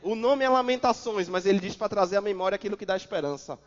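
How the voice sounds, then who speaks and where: A man's voice: high-pitched, fast. A Brazilian Portuguese-speaking male pastor preaching a sermon, repeating phrases and pushing hard on his points. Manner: preaching with repetition and sudden loud emphasis. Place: church hall. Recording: dull church recording with long reverb.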